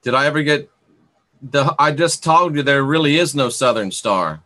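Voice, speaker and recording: A man hosts an informal, esoteric talk livestream, musing aloud to viewers in a rambling, opinionated style and repeating points for emphasis. His voice is a little high and bright, with a forceful tone and a moderate pace.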